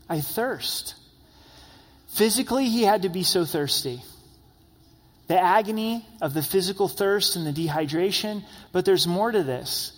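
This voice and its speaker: Male pastor, sermon, slightly high voice, conversational, repeats phrases, long hall reverb. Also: fairly bright tone. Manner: conversational storytelling, asks "right?" often.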